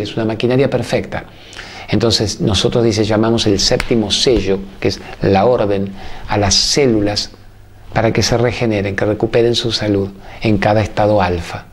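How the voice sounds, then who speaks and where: A man with an Argentine accent hosting a show, giving an emphatic, preachy spiritual talk to viewers in strings of repeated phrases. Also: fairly low pitch. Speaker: host.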